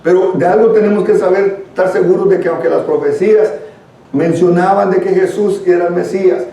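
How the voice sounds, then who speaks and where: A man with a Guatemalan accent speaks briskly in a high, dark voice with fairly even intonation. Guiding a church Bible study, he reads and explains scripture in an earnest, conversational tone, and the distant mic records a very echoey room.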